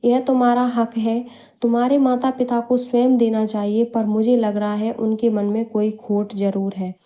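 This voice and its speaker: A woman's voice: a little high, flat delivery, moderate pace, dark tone, muffled recording, natural voice. A woman voicing a greedy demanding mother-in-law. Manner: demanding, lecturing.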